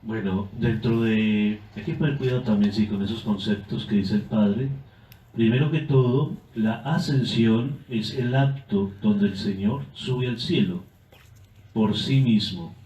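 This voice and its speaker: A man, a priest guest, explaining church doctrine in a measured way. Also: lowish voice, dark tone. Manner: measured, with frequent filler tags and restarts. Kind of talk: catechetical explanation. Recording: echoey, dull-sounding room.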